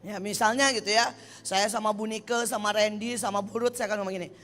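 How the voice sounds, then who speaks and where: A woman's voice: medium pitch, steady tone, a little fast, fairly bright tone, big-room sound. An older woman preaching a sermon as pastor, blunt and emphatic, acting out the people she quotes.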